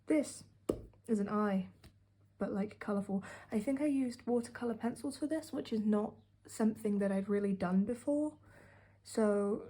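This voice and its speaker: A woman's voice: medium pitch, moderate pace, dark tone, slightly rough. A young British woman from the UK narrating a casual sketchbook tour, rambling with many fillers and a sarcastic edge. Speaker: art vlogger.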